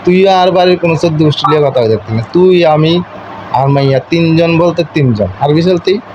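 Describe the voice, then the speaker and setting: This young man's voice sits on the high side and moves briskly as he lectures his wife over a call in an eastern Bengali dialect. It's an informal domestic quarrel, and he comes across as repetitive, insistent and domineering. The recording is muffled with faint background noise.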